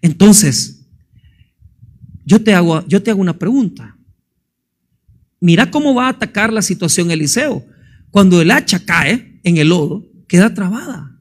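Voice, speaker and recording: A male pastor giving a fervent sermon, firing questions at the congregation and swinging between booming and hushed delivery. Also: animated, measured pace, long pauses. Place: church.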